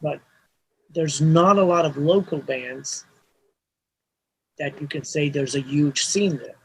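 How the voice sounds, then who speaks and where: A Hebrew-speaking man appears as a mastering engineer guest in an interview, talking casually and rambling with restarts and constant "you know" fillers. His voice is fairly high, gravelly and husky, slow and steady in tone, and the audio quality is poor.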